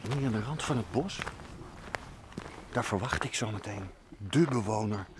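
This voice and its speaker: A man's voice: lowish voice, measured pace, noisy background. A man presenting as a nature expert outdoors in hilly woodland, explaining plants and birds to the viewer with enthusiasm.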